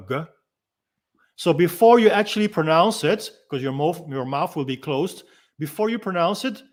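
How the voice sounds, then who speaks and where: A man with a fairly high voice walks through a freediving technique as an instructor. He explains patiently, step by step, and stops to demonstrate each sound himself.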